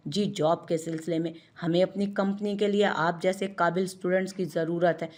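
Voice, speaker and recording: A woman's voice: fairly low pitch, steady tone, moderate pace, a little mellow, lightly acted. A woman reading the lines of a polite, businesslike male company manager calling on the phone. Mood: formal.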